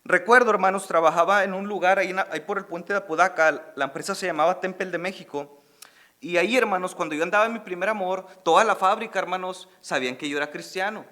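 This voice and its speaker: Bright-voiced Mexican pastor preaching. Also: male voice, high voice, fast talker. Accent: Mexican Spanish. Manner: preaching with big emphatic swells, often calling out "hermanos"; drops to a soft, hushed storytelling voice for his testimony. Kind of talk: sermon. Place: church service.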